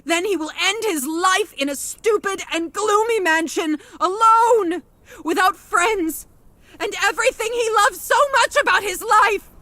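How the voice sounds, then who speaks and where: An older grandmother in a game cutscene, headstrong and devoted. Her voice sits high and the recording is dry and close. She talks in an emotional, pleading way. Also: animated, unhurried, no echo.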